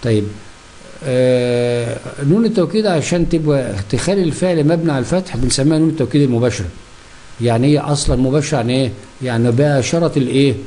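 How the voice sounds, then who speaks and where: A man's voice: medium pitch, racing, mellow. A man with an Egyptian Arabic accent teaching a grammar lesson, who keeps asking himself questions and answering them.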